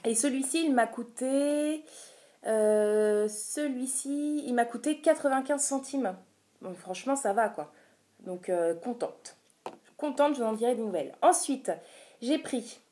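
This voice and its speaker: A woman's voice: fairly high pitch, mellow. A woman casually talking through a beauty haul vlog, chatty and hesitant, with many filler sounds. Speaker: beauty vlogger.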